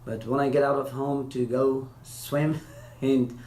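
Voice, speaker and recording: A former interpreter from Afghanistan answers interview questions casually, his non-native English hesitant and halting with many restarts. His voice is medium-pitched, a little mellow, and flat in delivery. The room is echoey, with a faint hiss.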